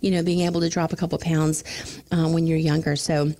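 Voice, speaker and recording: A middle-aged woman from Florida, a financial advisor talking casually on a radio show, chatty with quick asides. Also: sits low, little pitch movement, warm tone.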